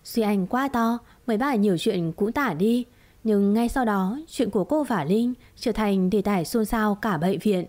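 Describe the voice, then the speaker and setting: A woman reading a romance drama story aloud in a steady, dramatic storytelling manner. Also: medium pitch, a little slow. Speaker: narrator. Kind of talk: scripted story narration.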